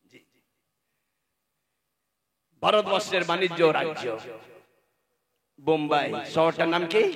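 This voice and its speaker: A man preaching an Islamic sermon to a gathering, with an emphatic, rising delivery, and he calls on the listeners to answer him. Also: sits high. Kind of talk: waz sermon to a crowd. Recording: live sermon with audible crowd. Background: crowd.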